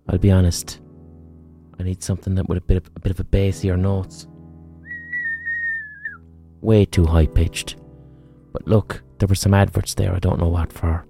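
A man's voice: sits low, vocal fry, mellow. An Irish man podcasting solo in a casual, sweary, informal way, repeating phrases for emphasis. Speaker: podcast host. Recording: music behind the voice. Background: instrumental music.

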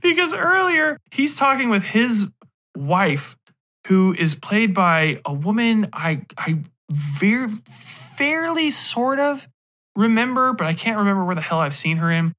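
Unhurried yet very animated, this podcast host's high, bright voice carries a forceful tone. He rambles through a casual, comedic rant about a film, blunt, profane and mocking, and acts out imagined dialogue as he retells scenes.

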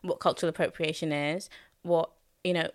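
A guest from London, England, this young adult woman thoughtfully and candidly recounts her student years in a casual chat, with many fillers and frequent laughter. Her low-pitched voice has fairly even intonation and moves a little fast. The clean studio sound carries no room noise.

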